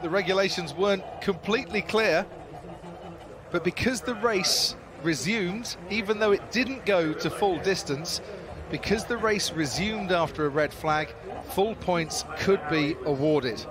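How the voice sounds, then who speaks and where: A man's voice: sits high, unhurried, crowd noise. A man giving live motor racing commentary as a television commentator. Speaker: sports TV commentator.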